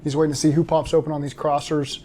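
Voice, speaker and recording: A man speaks quickly in a dark, level voice, talking through game film like a head coach. He is matter-of-fact and steady, and he keeps a flat, even pitch from start to finish. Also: a little hiss or hum. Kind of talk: interview answers and film breakdown.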